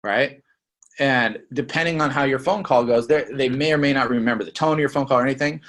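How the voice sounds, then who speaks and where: A young man runs a sales training session in a relaxed, conversational way. He keeps slipping into sample phone lines, dropping his voice low and then spiking it up to make his point, and he often checks in with the room with a quick "right?". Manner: lively, demonstrates phone lines by acting them out.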